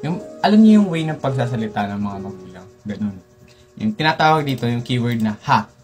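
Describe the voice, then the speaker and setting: A young man hosting a comedic tutorial, lecturing playfully and jumping up in pitch for emphasis. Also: very animated, a little fast, a little mellow, faint music behind. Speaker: tutorial host.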